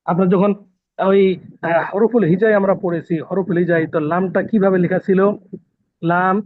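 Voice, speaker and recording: A man's voice: sits high, fairly even intonation, moderate pace. A man teaching Quran recitation rules in an online lesson, patiently repeating terms and quizzing his students. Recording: tinny phone-like call audio.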